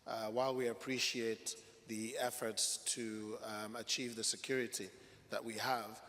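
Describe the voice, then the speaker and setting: A man's voice: on the low side, flat delivery, unhurried, bright, forceful tone. A man from Nigeria asking an earnest question from the audience, with some fillers. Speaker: audience member. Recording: reverberant hall with faint noise.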